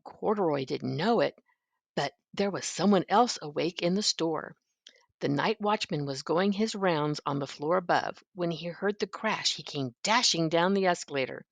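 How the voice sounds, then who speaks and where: An older woman reading a children's story aloud in an expressive, gentle, grandmotherly manner. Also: fairly low pitch, moderate pace, gravelly, dry recording. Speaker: storybook reader.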